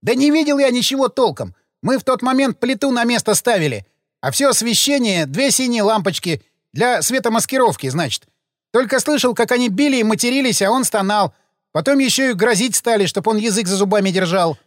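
A man's voice: very high-pitched, lively intonation, brisk, dry recording, studio quality, voice pushed up. A man reading an audiobook, voicing a sullen, frightened male cemetery laborer who talks in agitated, defensive, slangy bursts.

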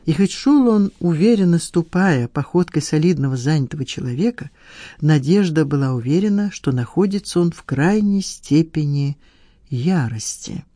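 Brief: audiobook narrator with an even storytelling read, warm mellow voice, dry studio sound. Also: mid-range voice, moderate pace, no echo.

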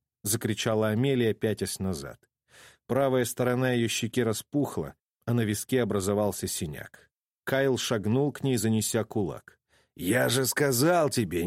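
Expressive male audiobook narrator. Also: medium pitch, no echo, studio quality. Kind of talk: dramatic first-person audiobook narration.

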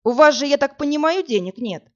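A woman's voice: high voice, expressive, voice pushed up. Brief: woman narrator doing a bored, indifferent male police captain, middle-aged, in a muffled recording. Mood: weary, dismissive. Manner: bored, dismissive, unhurried. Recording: dull lo-fi audiobook recording.

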